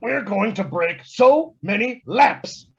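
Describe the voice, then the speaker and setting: A man reading a wild, playful male imaginary friend in an online play reading, his voice husky and lively. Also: high-pitched, takes it slowly, full character voice. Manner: lively, swings from playful to desperate. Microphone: video call. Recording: dull lo-fi video call audio.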